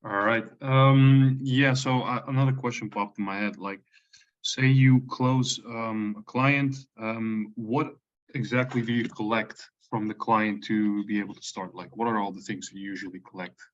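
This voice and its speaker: A man asking questions on a video call, halting and full of fillers. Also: on the low side, steady tone. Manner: halting, many likes and ums. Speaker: caller. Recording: dull lo-fi call audio.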